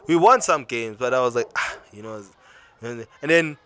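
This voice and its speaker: A man's voice: medium pitch, lively intonation, moderate pace, fairly bright tone, smooth, no room sound. A young man with a South African accent telling a personal story to camera, emotional and repeating himself, switching between English and Zulu mid-sentence. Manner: emotional, restarts and repeats himself while recounting. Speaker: vlogger.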